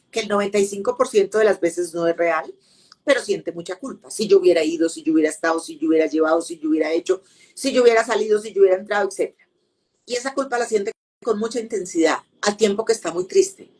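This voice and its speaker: A woman speaks as a grief counselor in an interview. Her voice is husky and a little breathy, sitting at an ordinary middle pitch, and she explains patiently, circling back to repeat her main points and lay out simple examples. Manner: patient, teacherly, uses repetition and examples.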